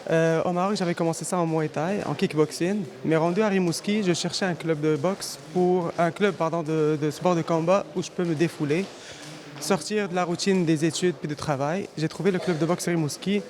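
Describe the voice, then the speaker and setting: A man's voice: fairly high pitch, fairly even intonation, moderate pace, darkish tone. A man from Morocco, an amateur boxer speaking earnestly with some hesitation.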